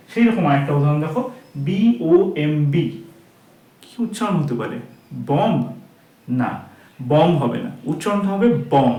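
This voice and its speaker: Guy teaching kids a lesson, repeats words over and over, bit high voiced, roomy echo. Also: a little mellow. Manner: patient, repeats words slowly to drill pronunciation. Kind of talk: explaining a lesson to children.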